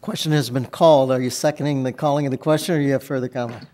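A man chairing a city council meeting as mayor, moving through motions and votes in a brisk procedural manner. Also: medium pitch, fairly even intonation, a little mellow, slight background noise. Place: council chamber, indoors.

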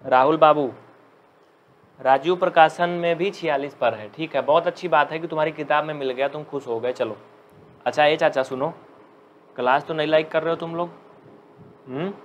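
A man teaching a live online maths class who jokes with students and dictates slowly. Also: a little high, lo-fi sound, slight background noise. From India. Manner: chatty, joking, dictates slowly.

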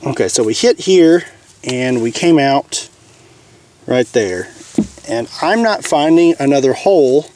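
With a medium-pitched, darkish, expressive voice, a young Kentucky man hosts a shooting channel and narrates a casual demo outdoors in an open field. He keeps a measured pace, plainspoken and easygoing as he thinks aloud. There's a little hiss or hum on the camera mic, which is sometimes at a distance.

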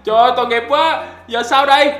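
A man doing excitable gameplay commentary as a YouTuber, often breaking into loud exclamations. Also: very high-pitched, fast, reverberant. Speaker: gaming YouTuber.

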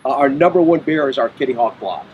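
A man's voice: mid-range voice, fast talker, narrow, tinny audio, a little hiss or hum. Matter-of-fact middle-aged man explaining. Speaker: brewery owner. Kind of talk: casual interview. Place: outdoor patio by a brick wall.

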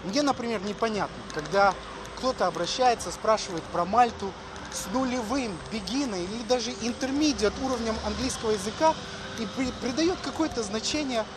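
A middle-aged education agency host talks casually on a walking vlog filmed outdoors in the city, his voice very high-pitched and his pace fairly quick. The background is noisy with music and street sounds.

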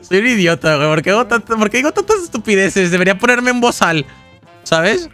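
A man's voice: sits high, very animated, fairly quick, pushed and bright, faint music behind. A man, livestreaming a game and chatting casually in a rambling, jokey way as he reads out donations and chat. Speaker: gaming livestreamer. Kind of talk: casual live-stream chat while gaming.

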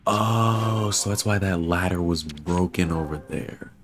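This young gaming creator's voice sits low and moves a little slowly. He offers casual let's-play commentary on a video game, rambling to himself and swearing freely.

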